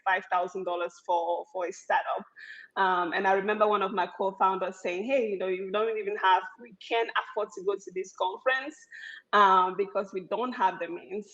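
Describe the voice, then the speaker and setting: A woman's voice: medium pitch, a bit bright. Woman from cameroon chatting on a panel, lots of ums, kinda muffled sound. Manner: conversational, many um fillers. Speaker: startup founder panelist. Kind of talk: panel discussion.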